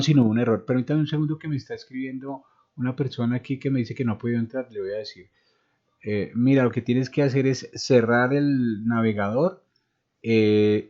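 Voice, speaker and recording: A man's voice: mid-range voice, dark tone. A middle-aged man giving an online lecture, explaining with homely examples and many "eh" fillers. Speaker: university lecturer. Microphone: online video call. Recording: dull lo-fi call audio.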